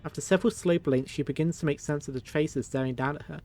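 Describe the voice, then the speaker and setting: A man's voice: a little high, fairly even intonation, fast, mellow, soft background music. A man streaming a game, reading the story text aloud with crude, sarcastic asides.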